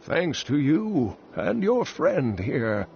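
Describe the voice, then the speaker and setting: An actor playing a kindly, anxious elderly scholar in a fantasy game, with an aged, creaky voice and an earnest, portentous manner. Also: male voice, fairly high pitch, big pitch swings, takes it slowly, a little hiss or hum, full character voice. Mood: grave, earnest. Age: older. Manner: earnest, portentous, swooping delivery. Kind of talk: fantasy video game acting. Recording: dull game audio with music behind.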